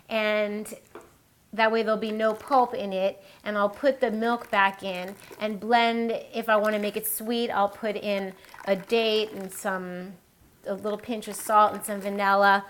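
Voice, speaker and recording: A woman's voice: mid-range voice, a bit bright. A woman hosting a cooking demonstration, chatting and explaining each step as she works. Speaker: cooking show host. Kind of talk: casual recipe demonstration.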